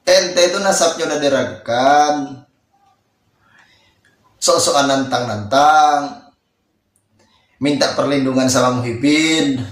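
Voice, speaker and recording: A man's voice: medium pitch, takes it slowly, pauses often, echoey room. A man from Indonesia, an Islamic cleric, giving a heated rebuttal speech in a mocking, scolding way and repeating phrases for emphasis.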